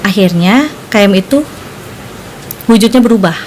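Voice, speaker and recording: A woman guest in an interview, calmly explaining a spiritual practice in a matter-of-fact way. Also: mid-range voice, normal speed, slight background noise.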